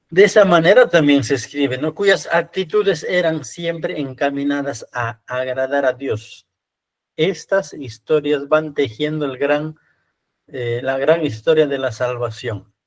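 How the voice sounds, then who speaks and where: A man with a Peruvian accent, a priest giving a conversational lecture to church readers, often asking rhetorical questions and ending phrases with tag questions. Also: medium pitch. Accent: Peruvian Spanish. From Peru.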